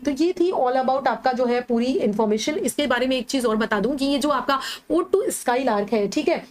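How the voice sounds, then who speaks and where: A woman's voice: high voice, lively intonation, moderate pace, slight background noise. A woman, a literature teacher, explains poetry in a Hindi-lecture. She works step by step, asks her own questions and answers them, and often checks in with "ठीक है". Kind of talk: Hindi-English lecture over slides.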